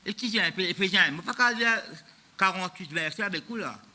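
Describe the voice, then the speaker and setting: A man's voice: sits high, brisk, sharp tone. A man, preaching a sermon as pastor of a church, in a loose, repetitive style that mixes French and Creole. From Mauritius.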